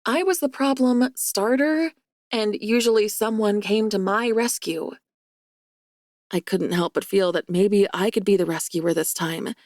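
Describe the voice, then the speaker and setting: A woman's voice: mid-range voice, measured pace, no echo, studio quality. Wry woman narrating an audiobook. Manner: wry, lively and self-mocking. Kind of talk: first-person romance audiobook narration.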